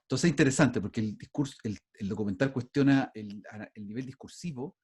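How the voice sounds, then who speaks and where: A middle-aged Chilean university lecturer, speaking Chilean Spanish, gives an online class in a loose, conversational style and frequently starts over. His husky, darkish voice is medium in pitch and moves a little fast.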